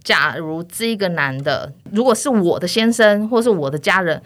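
A woman's voice: lowish voice, moderate pace. A woman, an insurance agent telling stories in casual podcast chat, laughing often. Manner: lively storyteller, often laughing.

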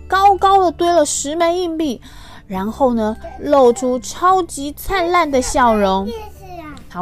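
A woman reads a picture book aloud as if to a toddler, talking to the little listeners with gentle questions. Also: on the high side. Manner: reading as if to a toddler, gentle questions and soft sentence particles. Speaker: storyteller for children. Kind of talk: animated picture-book reading to small children.

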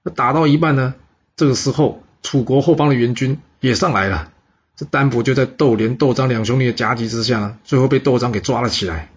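A man telling a historical story with lively, dramatic narration, in a husky voice on a dull recording. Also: mid-range voice, a little fast.

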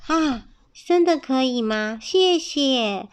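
A gentle, well-mannered little mouse from a picture book, voiced by a woman reading aloud. He speaks politely and eagerly, in a raised, light voice. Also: sits high, animated, takes it slowly, smooth, pitched above the performer's own voice. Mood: surprised.

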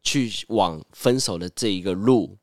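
A man co-hosting a casual podcast chat, animated and quick to make his point. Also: fairly low pitch, dry recording, studio quality. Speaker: podcast co-host.

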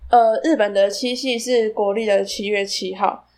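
A woman's voice: medium pitch, steady tone, normal speed, darkish tone. Taiwanese woman podcasting, slightly slurred by braces. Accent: Taiwanese Mandarin. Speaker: solo podcast host. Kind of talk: casual podcast monologue.

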